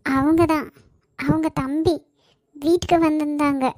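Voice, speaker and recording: Hesitant high cartoon girl, kanyakumari tamil, pleading and unsure, woman voicing, dry mic. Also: fairly even intonation, a little slow, darkish tone, no echo. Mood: distressed. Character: troubled, timid young woman forced into marriage.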